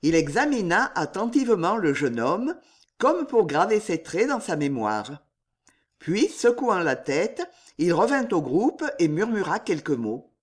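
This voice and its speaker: Slow, expressive audiobook reader. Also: mid-range voice. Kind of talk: scripted audiobook narration.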